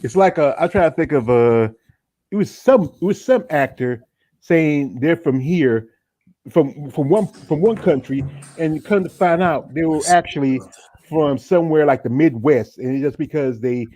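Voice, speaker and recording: A man from North Carolina hosts a casual MMA talk show, rambling and restarting his sentences. His voice is dark and mellow, and the sound is dry and close. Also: on the high side, moderate pace, dry recording. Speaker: podcast host.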